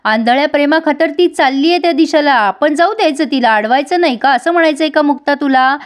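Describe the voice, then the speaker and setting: A woman's voice: sits high, brisk, close to an everyday voice. A woman voicing an angry, protective middle-aged mother who scolds in an exasperated way.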